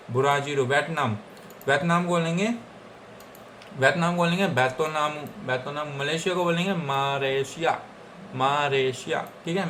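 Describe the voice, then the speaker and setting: Young Indian male tutor, slightly high voice, casual, repetitive drilling, faint noise behind. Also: fairly bright tone. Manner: repeats each word several times, with frequent "theek hai guys". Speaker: Japanese language teacher. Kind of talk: casual Hindi language lesson.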